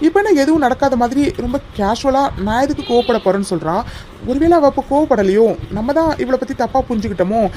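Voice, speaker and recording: A woman's voice: fairly high pitch, slight background noise, close to an everyday voice. A woman voicing Vetri, a polite young man puzzled by his friend's moods, in a cartoon. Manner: polite and puzzled, soft-spoken.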